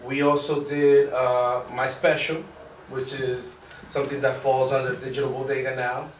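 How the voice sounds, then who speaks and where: A man, a comedian guest, answering questions in a casual podcast chat, halting with frequent ums and restarts. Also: mid-range voice, level tone. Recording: roomy, distant mic with faint noise.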